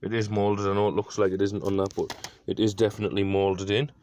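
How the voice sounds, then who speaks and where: In a fairly low, darkish voice with a level tone and fairly quick pace, a car DIY host talks through a hands-on job inside a car. He's informal and self-deprecating, thinking aloud as he goes, and background noise is clearly present.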